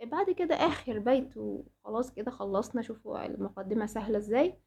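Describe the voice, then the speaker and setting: A woman's voice: on the high side, quick pace, creaky, a little mellow, slightly rough. A woman with an Egyptian accent teaching a Quran recitation lesson to female students. She poses rhetorical questions, answers them herself, and often hesitates and restarts. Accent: Egyptian Arabic.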